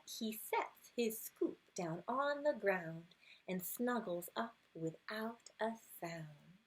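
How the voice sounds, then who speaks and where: Female storytime reader, fairly high and husky, taking a picture book slowly and expressively, softening into hushed good nights. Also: poor audio. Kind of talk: read-aloud of a rhyming children's picture book with asides.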